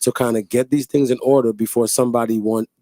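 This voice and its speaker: A man from the Bahamas, a guest explaining his artist management company in steady, businesslike interview answers. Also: mid-range voice, fast, dry recording, clean studio sound.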